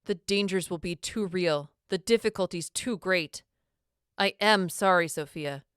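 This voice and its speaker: A woman reading a storybook, voicing a calm, formal male leader who speaks in a measured, apologetic way. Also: lowish voice, clean tone, no room sound, studio quality.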